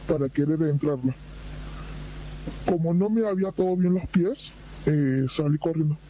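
A young woman, giving recorded testimony through a voice changer in a plain, halting first-person account. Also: sits low. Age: 20s. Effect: voice disguised by a voice changer. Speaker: interviewed witness. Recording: muffled lo-fi clip with faint noise.

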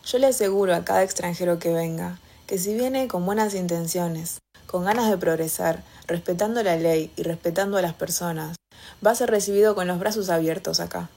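A woman's voice: fairly low pitch, a little fast, creaky, mellow. A woman with an Argentine Spanish accent, earnestly delivering a scripted video monologue.

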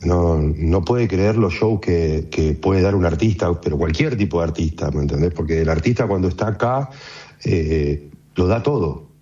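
An Argentine man speaking in a relaxed, conversational way in a radio interview, with frequent fillers. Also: low-pitched, normal speed, highs cut off. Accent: Argentine Spanish.

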